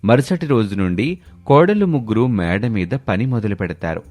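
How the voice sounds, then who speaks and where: A man narrating an animated family story in a steady, even storytelling manner. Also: on the low side, moderate pace.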